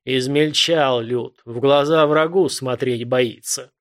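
A man performs an ancient warrior god in this storybook voice. He speaks slowly and loudly, with scornful weight on every phrase. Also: mid-range voice. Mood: stern. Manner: slow, weighty, scornful pronouncements. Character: gruff ancient male warrior god, stern and proud.

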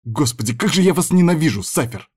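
Male reader doing a tearful young actress, high and shrill, sobbing and snapping; storybook heroine. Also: expressive, fast talker, darkish tone, slightly rough. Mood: bitter.

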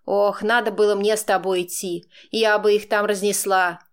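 A woman's voice: medium pitch, moderate pace, natural voice. A woman reads out a brash middle-aged aunt from an audiobook, blunt and crude-spoken. She scolds and mocks in an ordinary mid-range voice. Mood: soothing. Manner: scolding and mocking, then soothing.

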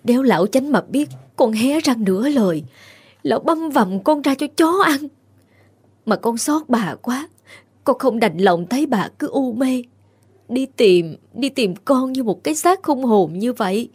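A frightened young cook speaks in a trembling, hushed voice, as a woman acts her out. Her tone is breathy and kind in this ghost-story reading. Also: fairly high pitch, lively intonation, measured pace. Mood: grieving.

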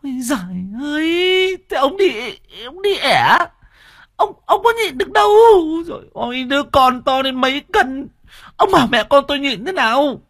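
A man voicing a pregnant young village wife in labor, stammering and wailing in a shrill voice. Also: sing-song, normal speed, bright, forceful tone, dry recording, clean studio sound, exaggerated voice. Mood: scolding.

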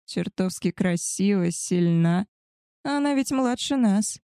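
A woman's voice: mid-range voice, expressive, a little slow, mellow, no echo, clean studio sound. A woman voicing a rude, boastful young male werewolf who talks in a crude, taunting way.

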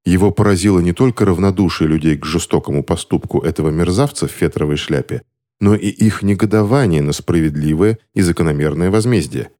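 A man narrating a story in an expressive, scripted reading. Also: low voice, brisk.

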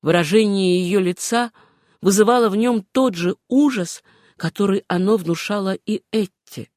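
An audiobook narrator, a woman with a mid-range voice, reads a novel at a normal speed in a steady, even storytelling style. The recording is dry, with clean studio sound.

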